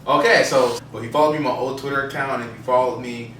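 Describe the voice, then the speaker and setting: Talking fast with fairly even intonation, a male podcast co-host offers his opinions casually and emphatically in a bright, forward, mid-range voice. He sits slightly off a distant mic, sounding roomy, with faint noise behind him.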